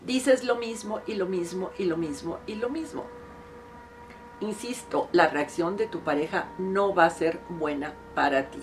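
A woman's voice: on the low side, a little slow, slight background noise. Earnest woman counselor giving advice. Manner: earnest and emphatic, acting out quoted clients. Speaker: relationship counselor. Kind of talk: advice monologue to camera.

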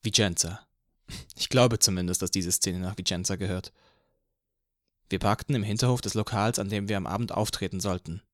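A man's voice: deep voice, steady tone, moderate pace, no room sound. Man reading an audiobook, dry close sound. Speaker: audiobook narrator. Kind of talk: scripted first-person narration.

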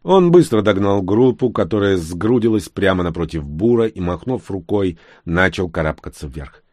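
A man narrating an audiobook in a steady, tense storytelling manner. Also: low voice, normal speed, dry recording, clean studio sound. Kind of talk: scripted narration.

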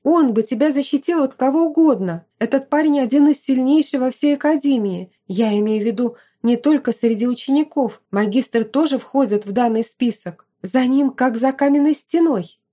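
Female narrator doing a chatty, fierce young best friend, a touch higher and warm. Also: moderate pace, few pauses. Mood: enthusiastic. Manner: emphatic, talkative. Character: lively, outspoken young woman, a caring and protective friend. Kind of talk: audiobook character voice.

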